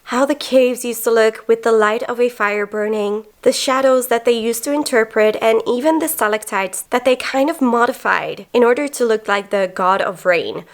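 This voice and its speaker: A woman narrating a travel vlog, chatty and enthusiastic as she explains and recaps her experiences. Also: fairly high pitch. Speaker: travel vlogger.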